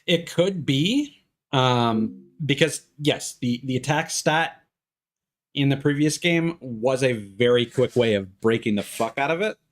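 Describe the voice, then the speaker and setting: In an animated mid-range voice, a little on the slow side, a man streams his gameplay and casually thinks out loud in an analytical way. Loud video game music plays behind him.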